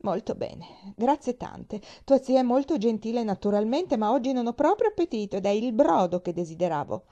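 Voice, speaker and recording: A woman's voice: on the high side, animated, moderate pace, hardly any pauses, dark tone, dull audio, voice pushed up, natural voice. A woman voicing an irritable, bedridden woman of forty who complains sourly. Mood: peevish. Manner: sour, complaining.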